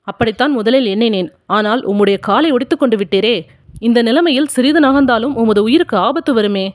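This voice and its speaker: A woman voicing a gentle male monk disguised as a king, speaking in a calm, measured way in an audiobook. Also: on the high side, no room sound, clean studio sound, natural voice.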